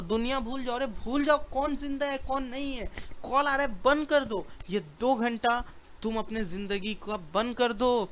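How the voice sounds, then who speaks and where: A man's voice: very high-pitched, fairly bright tone, a little hiss or hum. A man giving a motivational lecture to students on study skills in an auditorium, talking emphatically and colloquially, repeating phrases and asking rhetorical questions.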